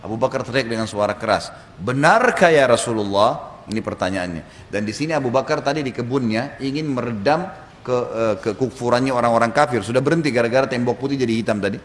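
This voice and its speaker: A male preacher telling a story to his congregation in a sermon, with animated delivery. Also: mid-range voice, quick pace. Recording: echoey hall, faint background noise.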